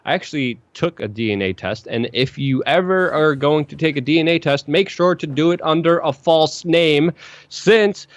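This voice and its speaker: A man from Poland hosting a casual live-stream show, reading viewer messages and talking in quick bursts with restarts and repeated phrases. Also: on the high side, no room sound. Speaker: host.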